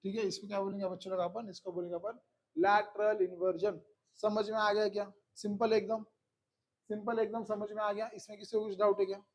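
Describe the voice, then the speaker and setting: A man's voice: high voice, flat delivery, brisk. A man teaching a physics class who keeps repeating questions to his students and coaxing them along.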